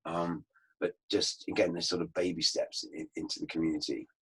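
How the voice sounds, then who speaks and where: A man with a somewhat low voice gives an online lecture over his slides. He tells his stories in an unhurried, anecdotal way, as a teacher sharing field experience. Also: little pitch movement, vocal fry, fairly bright tone, husky, low-quality recording. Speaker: permaculture teacher.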